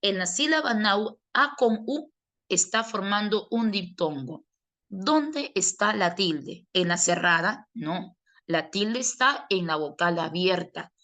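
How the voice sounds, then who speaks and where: A woman's voice: medium pitch, animated, slow pace, fairly bright tone. A woman teaching a grammar class. She explains patiently and answers questions she poses in her students' voices. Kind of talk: online class lecture.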